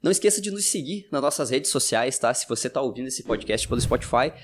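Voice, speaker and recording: A man's voice: mid-range voice, animated, fast talker, background noise. A man in his thirties with a Brazilian Portuguese accent, co-hosting an investing podcast, affirming his partner and signing off to listeners. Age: 30s. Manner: affirming, wraps up with sign-off. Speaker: podcast co-host. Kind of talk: casual investing podcast chat.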